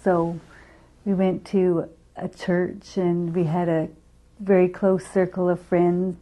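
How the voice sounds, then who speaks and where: A woman from Ontario, recalling her upbringing slowly and reflectively in an interview. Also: fairly low pitch, flat delivery, warm tone, poor audio. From Ontario, Canada. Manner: slow, reflective. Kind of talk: candid interview recollection.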